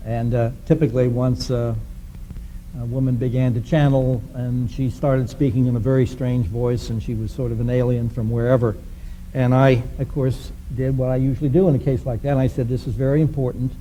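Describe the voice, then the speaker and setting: Dark, matter-of-fact man telling a story. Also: medium pitch, level tone, normal speed, slight background noise, rough recording. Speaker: abduction researcher. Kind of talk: panel discussion, anecdote.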